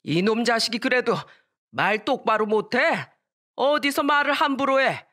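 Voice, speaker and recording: A strict old grandfather barking stern orders at a child, played by a woman in a storytelling radio drama. The voice is loud and raised, not deepened. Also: measured pace. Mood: stern scolding. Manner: barking, scolding.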